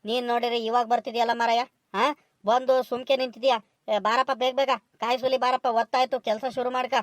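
Cartoon role: impatient male foreman, voiced by a woman, scolding, quick, slightly high. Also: little pitch movement, no room sound, close to an everyday voice. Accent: rural southern Karnataka Kannada. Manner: brisk, scolding and bossy. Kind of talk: village comedy cartoon dialogue.

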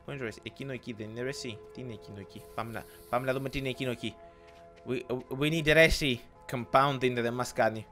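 A young man with a Cypriot Greek accent, giving casual let's-play commentary in an excitable, rambling way, often slipping in English words. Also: mid-range voice, soft background music. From Cyprus. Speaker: gaming YouTuber.

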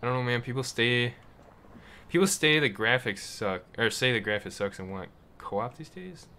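A man casually commenting while playing a game, excitable and swearing freely, reading the game's dialogue aloud. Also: mid-range voice, moderate pace, slight background noise. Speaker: gaming video host. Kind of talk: casual let's play commentary.

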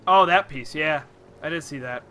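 A man's voice: fairly high pitch, normal speed, faint music behind. A young man streaming a video game, chatting casually and yelping at surprises. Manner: excitable, yelps at in-game surprises. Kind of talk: casual chat while gaming.

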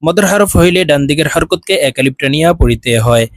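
A man with a Bangladeshi accent teaching Quran reading, slowly spelling out syllables and drawing out each sound. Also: on the high side, expressive, no room sound. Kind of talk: slow spelled-out recitation lesson.

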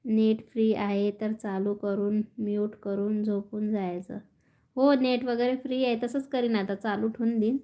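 A woman's voice: mid-range voice, level tone, unhurried, dull audio. A woman chatting casually on a phone live stream, reading out viewer comments and laughing often. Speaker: vlogger reading live chat.

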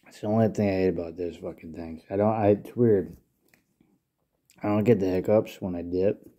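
Mężczyzna mówiący z tytoniem pod wargą, bardzo niski i ciemny głos. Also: male voice, deep voice, steady tone, normal speed, mellow. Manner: loose, rambling, swears often. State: talking with a dip in his lip. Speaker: vlogger reviewing a product. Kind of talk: casual product review.

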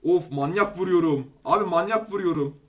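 A young man with a Turkish accent giving excitable, chatty gameplay commentary and talking straight to his viewers. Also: sits high, fairly quick. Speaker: gaming YouTuber.

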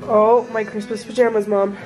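A woman's voice: medium pitch, flat delivery, normal speed. A young woman with a cold, chatting casually and laughing often as she vlogs with her family. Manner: giggly, chatty. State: has a cold. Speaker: vlogger. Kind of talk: casual family vlog chat. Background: music.

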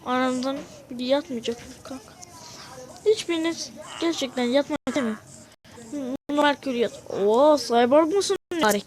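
A young gamer with a Turkish accent giving excitable, casual gameplay commentary and scolding the game characters. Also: sits high, normal speed. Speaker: gaming video creator.

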